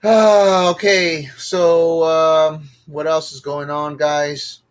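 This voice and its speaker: A man's voice: fairly high pitch, flat delivery, drawn-out words. A man streaming alone as a comedian, griping in a profane, repetitive, exasperated way. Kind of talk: casual livestream rant.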